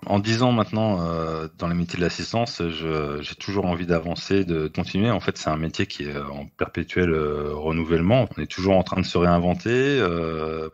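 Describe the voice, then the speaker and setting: A man's voice: sits low, moderate pace, few pauses. A man in his thirties giving a testimony about his work, hesitant and full of fillers. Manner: hesitant, many fillers and restarts. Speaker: assistance worker interviewee. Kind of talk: recorded testimony. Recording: dull lo-fi sound.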